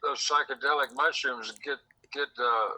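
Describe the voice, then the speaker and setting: Bright-voiced man telling a rambling story. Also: medium pitch, steady tone, moderate pace, rough recording. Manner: rambling, quotes people in dialogue. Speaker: host. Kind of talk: casual storytelling chat. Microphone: secretly recorded conversation.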